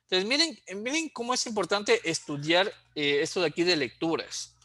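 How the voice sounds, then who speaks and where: Bright-voiced man teaching. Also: high voice, very animated, moderate pace, no echo. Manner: explains patiently, checks in with a frequent "¿sí?". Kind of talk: exam prep lecture.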